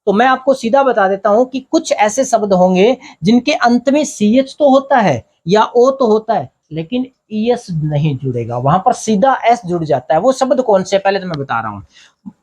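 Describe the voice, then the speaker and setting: A man with an Indian accent gives a blackboard grammar lesson in English, explaining step by step and posing questions he then answers himself. His voice is high and sing-song, with a darkish tone, at normal speed.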